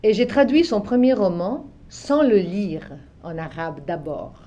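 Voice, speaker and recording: The recording sounds dull as an older Egyptian translator of literature, raised with Arabic and French as native tongues, recalls her life without hurry. Her medium-pitched voice is dark and mellow yet swings widely in pitch. She reflects aloud, restarting frequently, repeating, circling back and trailing off softly.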